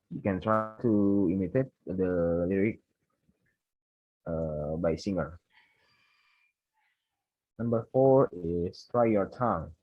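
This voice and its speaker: A young man from Indonesia with an Indonesian accent, a student giving a class presentation, reading prepared points haltingly and correcting himself. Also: fairly low pitch, no room sound, muffled recording. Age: young adult.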